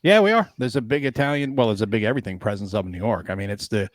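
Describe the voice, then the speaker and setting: A man's voice: on the low side, rapid-fire, no echo, studio quality. A man from the Northeast United States with a Northeast accent, hosting a casual, joking podcast chat. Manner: animated, joking. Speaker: podcast host.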